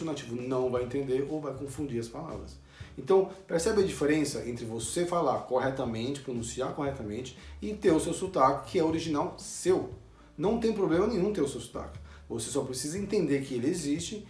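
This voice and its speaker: Man explaining a lesson, repeats example words slow, room echo, bit of guitar music under it. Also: medium pitch, darkish tone. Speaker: English teacher. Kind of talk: video lesson. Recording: roomy with faint guitar music.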